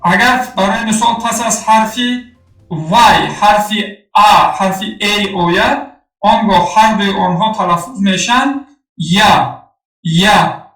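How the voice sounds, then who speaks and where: Male Tajik teacher, high voice, measured drill delivery, distant mic with faint music behind. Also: fairly bright tone. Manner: slow, deliberate word-by-word pronunciation drills. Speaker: language teacher. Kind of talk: phonetics lesson. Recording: echoey room, mic far off, faint music.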